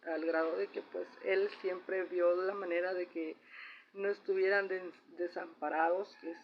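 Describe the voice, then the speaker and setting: A woman's voice: on the low side, steady tone, unhurried. Chatty middle-aged Mexican woman storyteller. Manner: chatty, ends phrases with a questioning "¿no?". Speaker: vlogger sharing personal reflections. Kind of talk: casual personal storytelling. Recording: slightly dull recording with faint noise.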